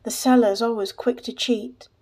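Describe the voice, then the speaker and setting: A woman's voice: a little high, fairly even intonation, moderate pace, a little mellow. Brooding young man, read by a woman. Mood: disgusted.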